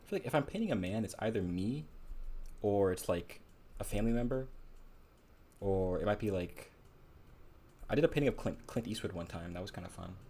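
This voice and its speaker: A man's voice: lowish voice, lively intonation, fairly quick, pauses often, warm tone, a little hiss or hum. A man chatting casually on a live stream while he paints, rambling and musing aloud with a self-deprecating manner.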